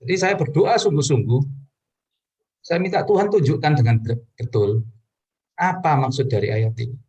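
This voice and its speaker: A man delivers a sermon testimony in a mid-pitched voice. His storytelling is earnest, and his voice leaps upward at moments of emphasis. He speaks straight to the listeners in front of him. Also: animated, normal speed, darkish tone, breathy edge. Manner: addresses listeners directly. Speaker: preacher giving a personal testimony.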